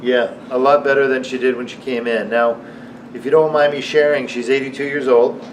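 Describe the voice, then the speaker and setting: A man's voice: mid-range voice, steady tone, fairly quick. A man speaking as a surgeon, explaining to camera and interviewing a patient, repeating answers back. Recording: distant mic, noisy room.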